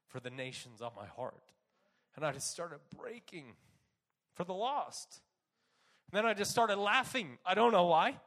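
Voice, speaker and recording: A man preaching a testimony sermon as an animated storyteller, swinging from loud bursts to hushed passages. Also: on the high side.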